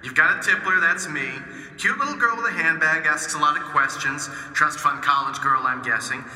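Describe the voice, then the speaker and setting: A man's voice: a little high, normal speed, sharp tone, echoey room, in a large hall, rough recording. An actor playing a bitter, cynical drunk man who mocks and sneers at everyone. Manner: sneering, mocking.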